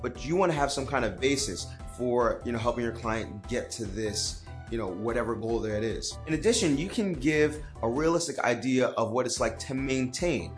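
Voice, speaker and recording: A man's voice: medium pitch, animated, moderate pace, hardly any pauses, soft background music. A man, a personal trainer, speaking to camera in an earnest, direct coaching manner in an advice vlog.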